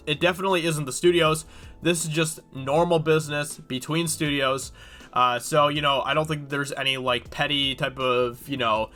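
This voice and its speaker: Congested from a cold, this YouTube host rambles through a news article, commenting casually and filling gaps with plenty of fillers. His voice is fairly high with a sharp tone.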